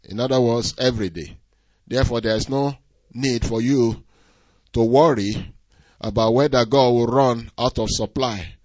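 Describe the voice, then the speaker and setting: A man preaching a sermon, shifting between quiet stretches and loud emphasis and drawing out key words. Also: medium pitch, steady tone, normal speed, no room sound. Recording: dull, dry lo-fi recording.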